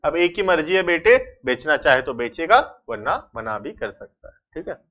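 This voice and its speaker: A man with an Indian accent teaching a commerce lecture, dictating notes slowly word by word and addressing students fondly. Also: a little high, big pitch swings, fairly bright tone, muffled recording.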